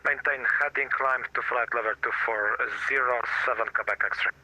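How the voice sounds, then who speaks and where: A man's voice: medium pitch, steady tone, normal speed, pushed and bright, poor audio. A man as a pilot reading back instructions over aircraft radio in clipped aviation phrases with small hesitations. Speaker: pilot on the radio in online flight simulation. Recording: raspy radio voice channel.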